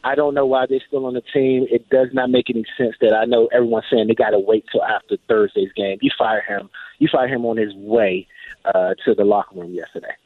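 A man's voice: mid-range voice, expressive, brisk, no room sound. Chatty male caller on a tinny phone line. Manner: chatty, rambling, stumbling restarts. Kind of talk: call-in sports chat. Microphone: telephone.

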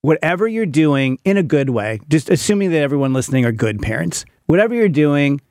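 A man in his fifties, appearing as a podcast guest and parent of a teenager, shares candid personal stories in a self-deprecating, emphatic manner. His voice is fairly high, a little mellow and sing-song, and he talks slightly fast. The recording is dry and studio quality.

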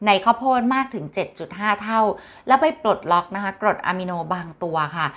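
A woman's voice: medium pitch, expressive, a little fast, a bit bright. A woman hosting a casual health talk, chatting to viewers in a friendly explanatory way and referring to herself by her nickname.

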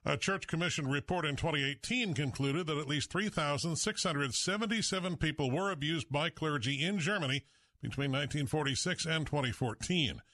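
A man's voice: on the high side, fairly quick, sharp tone, dry recording. A man delivering a scripted radio news report as a correspondent.

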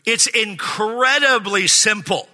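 High, bright-voiced man preaching in a hall. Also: takes it slowly. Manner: joking, calls for amens from the congregation. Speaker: pastor. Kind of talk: sermon. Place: church sanctuary.

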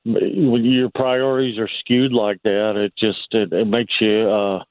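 A man calling in to a radio show over the phone, chatting casually and haltingly, with many fillers and restarts. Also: on the low side, level tone, no echo. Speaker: caller. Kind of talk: casual call-in chat. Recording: tinny phone line.

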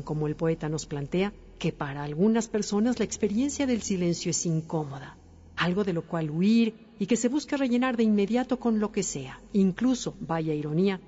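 Female host for reflective narration: calm, measured, mellow, slightly muffled recording. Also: lowish voice, breathy edge, in a large hall. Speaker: host of a reflective wellbeing segment.

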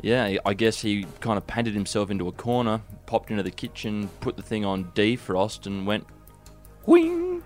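A man's voice: lowish voice, steady tone, moderate pace, hardly any pauses, soft background music. An Australian man co-hosting satirical news with dry, mock-earnest commentary. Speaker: co-host of satirical news show.

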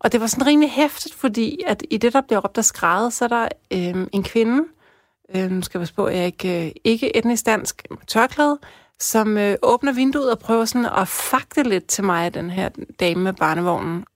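A Danish woman tells a personal story in a casual, chatty way, full of fillers, dropping to a hush before rising with excitement. Her voice is on the high side, recorded at studio quality with no echo.

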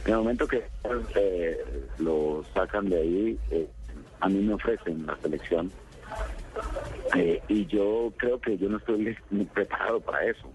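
Low-voiced man on a phone interview. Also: a little mellow, rough recording. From Colombia. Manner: hesitant, many pauses and fillers. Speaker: football coach. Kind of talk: phone interview on sports radio.

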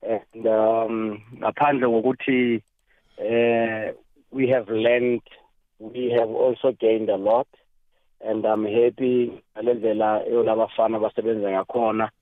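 A South African man, a football coach, answering interview questions in a hesitant, measured way over a phone-like line. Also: lowish voice, little pitch movement, dry recording. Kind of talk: radio interview, mixing two languages. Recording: narrow, tinny phone-like line.

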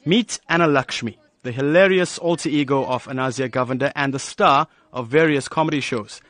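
A man reading a scripted news report in a smooth, measured way. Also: mid-range voice, a bit bright.

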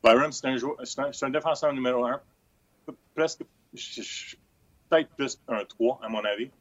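A man with an accent of his own, a hockey analyst guest joining remotely, halting and repeating words. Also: medium pitch, a bit bright, no room sound. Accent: French with a non-Québécois lilt. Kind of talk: remote interview. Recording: dull remote line.

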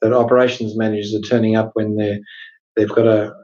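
Speaking with a lowish, flat, brisk voice, this man co-hosts a laid-back podcast about workplace law, where he works as a lawyer. He's talkative and forceful, explaining through rhetorical questions, over a muffled recording with crowd noise behind him.

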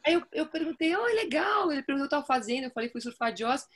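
A woman chatting casually, a lively storyteller who acts out quoted dialogue. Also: high-pitched, racing. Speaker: surfer telling stories. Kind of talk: casual chat among friends.

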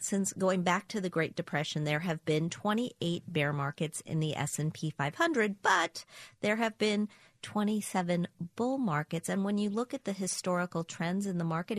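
A woman co-hosting a personal finance show, explaining market terms in a steady, clear conversational way. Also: lowish voice, no room sound, studio quality. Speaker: podcast co-host, personal finance expert.

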